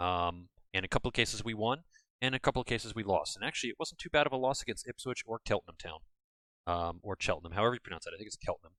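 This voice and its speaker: Recorded without echo, this man speaks fast in a fairly low, bright voice with a forceful tone. He's an American gaming channel host doing casual let's-play commentary from home, chatty, rambling and prone to self-correction.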